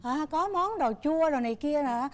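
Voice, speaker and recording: A woman's voice: high-pitched, animated, moderate pace. An older woman, a mother-in-law guest on a talk show, chatting in a rambling way with many fillers. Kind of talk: casual talk show chat.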